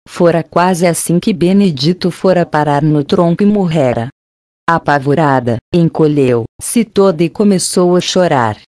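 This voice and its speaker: A woman reads an audiobook in a steady, measured way. Her voice is low and mellow. The sound is close and dry. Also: dry recording. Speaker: audiobook narrator. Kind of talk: scripted narration.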